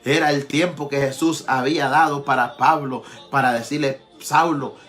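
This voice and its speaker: Impassioned Pentecostal pastor preaching. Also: male voice, medium pitch, fairly even intonation, normal speed, a bit bright, faint music behind. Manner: impassioned preaching, repeats "amados hermanos". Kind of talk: Pentecostal sermon. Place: church.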